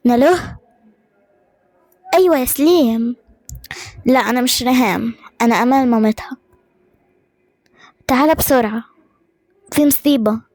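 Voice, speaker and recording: A woman voicing a worried middle-aged mother with an Egyptian accent, speaking in a low, hurried, matter-of-fact way. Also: a little mellow, no room sound, lightly acted. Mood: urgent.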